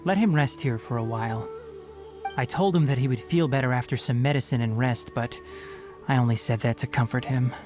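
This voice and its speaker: An actor playing a stern but caring young male forest watcher in a video game, brisk, matter-of-fact and gently scolding. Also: medium pitch, close to an everyday voice. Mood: concerned. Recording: game audio with background music.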